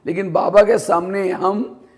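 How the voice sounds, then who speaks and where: Teaching a spiritual class in Hindi, this man shares anecdotes and asks rhetorical questions, answering them himself. He speaks unhurriedly in a high-pitched, darkish voice with little pitch movement.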